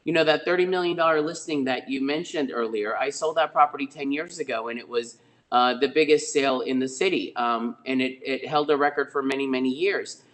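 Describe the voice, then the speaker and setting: Over a video call, a middle-aged real estate agent raised in Spain tells career stories as a webinar guest, rambling with many fillers and restarts. His voice is mid-range, brisk and a bit bright.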